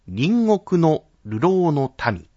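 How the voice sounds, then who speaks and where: A man's voice: a little high, very animated, drawn-out words, mellow, no room sound, highs cut off. A man leading a pronunciation drill as a teacher, carefully enunciating each syllable one at a time.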